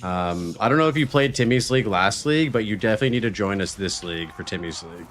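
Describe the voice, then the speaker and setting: A man's voice: fairly low pitch, lively intonation, fast. A man live-streaming a game and chatting casually as host, in informal gamer slang. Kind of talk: casual live-stream chat over gameplay. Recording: faint background noise. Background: quiet game sounds and voices.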